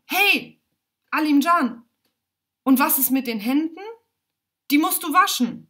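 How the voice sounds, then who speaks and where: A bossy little sister bursts out in a high, piercing voice, as a woman storyteller puts her on. She shouts her words out at full volume, sounding like a child in a read-aloud storybook. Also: animated, normal speed. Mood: shrill, bossy.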